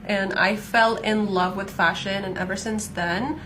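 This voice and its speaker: A woman's voice: medium pitch, fairly even intonation, a little slow, background noise. A woman of twenty-five, from Canada by way of Palestinian roots, chatting casually about her life while doing her makeup, with lots of "like" fillers. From Palestinian, born in Saudi Arabia, raised in Canada. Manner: chatty, frequent "like" fillers, light laughs. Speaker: fashion content creator. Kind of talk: casual get-ready-with-me storytelling.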